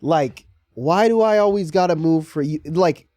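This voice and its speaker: Animated man telling stories on a podcast. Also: fairly high pitch, moderate pace, no room sound. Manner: animated storytelling, acting out quoted people with laughs. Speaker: podcast host. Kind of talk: casual chat.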